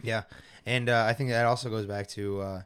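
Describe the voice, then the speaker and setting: A man's voice: lowish voice, steady tone, brisk, a bit bright, smooth. A man hosting a podcast, chatting in a rambling, enthusiastic way. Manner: enthusiastic, rambling, many fillers. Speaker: podcast host. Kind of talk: casual chat.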